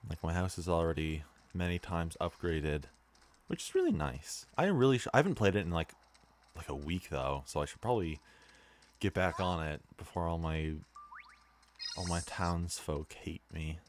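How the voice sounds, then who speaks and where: A man's voice: low-pitched, normal speed, a little hiss or hum. A young man rambling casually with lots of fillers while commenting on his gameplay as a let's play host. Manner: rambling, laid-back, many fillers.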